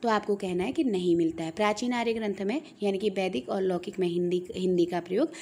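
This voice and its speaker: A woman's voice: mid-range voice, a little fast, dark tone, slight background noise. A woman teaching an exam-prep lesson, patiently repeating key points and checking in with her students as she goes.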